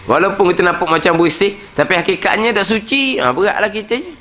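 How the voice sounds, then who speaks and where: High-pitched and talking fast, the man gives a weekly study lecture as a religious teacher in a prayer hall. He sounds lively and conversational, with frequent "ha" fillers.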